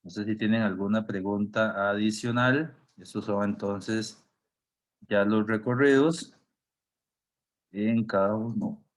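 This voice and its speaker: A man teaching an online class with a sore throat, clearing it often and explaining slowly step by step. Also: fairly low pitch, fairly even intonation. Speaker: university professor.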